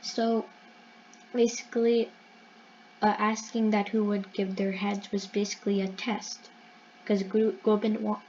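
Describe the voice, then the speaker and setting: A woman's voice: medium pitch, darkish tone, muffled recording, slight background noise. A woman hosting her own channel, retelling a religious story in an earnest, explanatory way and often correcting herself mid-sentence. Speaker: channel host.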